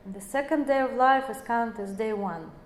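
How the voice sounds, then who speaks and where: A woman's voice: on the high side, moderate pace. A woman in her forties giving an explanatory lecture, speaking English as a with many fillers and self-corrections. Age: 40s. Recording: echoey room.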